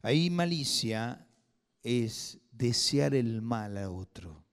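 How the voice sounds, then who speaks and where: A man preaching a sermon in a church, swinging from loud emphatic bursts to hushed asides. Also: medium pitch, lively intonation, slow, clear, resonant tone. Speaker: pastor. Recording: long hall reverb.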